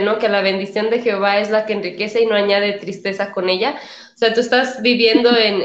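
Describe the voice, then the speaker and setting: A woman's voice: medium pitch, a bit bright. Casting: woman host, reflective, echoey and lo-fi. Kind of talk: casual interview chat. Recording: echoey, dull lo-fi room.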